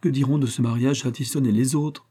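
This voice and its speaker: A man voicing a domineering, proud billionaire father in middle age, speaking in forceful outbursts he tries to hold back. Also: medium pitch, fairly even intonation, fairly quick, slightly rough, pitched above the performer's own voice, natural voice. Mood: blustering.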